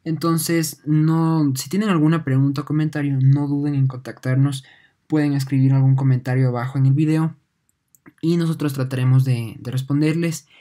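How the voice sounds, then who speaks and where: Mellow teacher explaining patiently. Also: medium pitch, fairly even intonation. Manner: patient, often ends points with a questioning "no?"; halting, repeats words while thinking. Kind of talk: online lesson explaining on screen.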